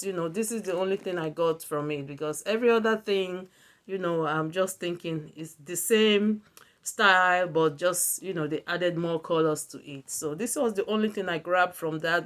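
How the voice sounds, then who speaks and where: Speaking with a Nigerian accent and a fairly low pitch, a woman video blogger gives a casual product review. She often repeats words for emphasis.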